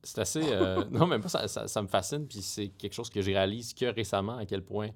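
Male interviewer, lowish voice, measured and friendly host. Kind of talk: interview questions.

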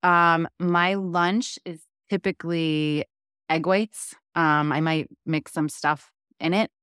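A middle-aged woman with a New York accent hosting a podcast, chatty and open with quick asides. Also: sits low, fairly even intonation, fairly bright tone, clean tone, no room sound, studio quality. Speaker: podcast host. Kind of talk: casual interview chat.

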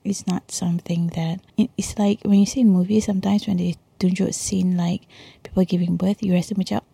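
In a quiet bedroom at night, a Malaysian woman delivers a casual confessional monologue, mostly whispered, in a very breathy hush with a crackly edge, a lowish pitch, and a level tone. Like a late-night podcaster confiding in listeners, she chats briskly and hushedly, sprinkling in Malay slang and "lah." The recording is close and dry, with no echo.

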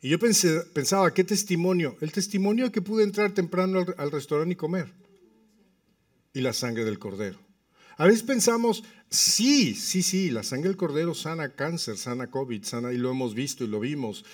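A man's voice: fairly high pitch, normal speed, recorded from a distance. A man preaching a sermon and telling humorous personal stories. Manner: lively, humorous storytelling. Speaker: pastor. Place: church.

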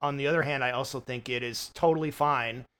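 A man's voice: mid-range voice, fairly even intonation, quick pace, fairly bright tone, clear, resonant tone. A man co-hosting a film review podcast, chatting casually with many fillers and restarts, swearing now and then.

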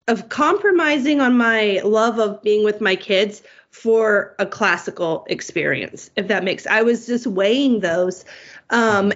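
A woman in her forties, a homeschooling mother, talking casually in an interview, rambling and cutting herself off with easy laughs. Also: medium pitch. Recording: muffled lo-fi audio.

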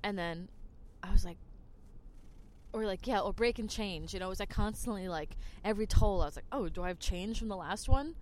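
Talking a little fast in a mid-range voice, a New Jersey woman hosts a podcast and wanders through casual stories. She's chatty and leans heavily on "like", with slight noise in the background.

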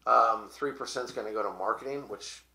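A man with a bright, forward voice hosts a loose talk show and explains things in a rambling way, full of "um"s and restarts. The room around him is echoey. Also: on the low side, fairly quick, creaky. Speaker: podcast host. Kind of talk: casual crypto talk show chat.

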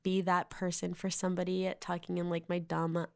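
Woman in her twenties, Valley Girl accent, solo podcast host, casual rambling delivery, slightly low voice. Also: monotone, moderate pace, gravelly, smooth. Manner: rambling, heavy use of "like" fillers.

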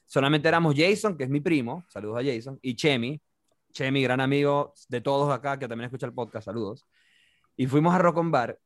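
A young Venezuelan-accented podcast host tells a slangy party story rapidly and casually, acting out the voices of the people in it. His voice is medium in pitch, and the recording is dry with clean studio sound.

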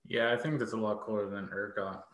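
A woman's voice: extremely low pitch, steady tone, fairly quick, roomy sound, low-quality recording. A woman co-hosting a casual podcast, chiming in with dry, joking asides. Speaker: podcast co-host.

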